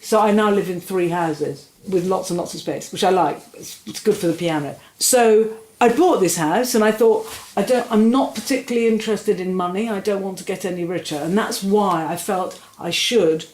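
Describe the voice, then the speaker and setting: A woman in her sixties, an interview guest, telling long stories in animated, rambling fashion with many restarts. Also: medium pitch, moderate pace, hardly any pauses. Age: 60s. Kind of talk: casual conversational interview. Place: room in a house. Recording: roomy, faint ambient noise.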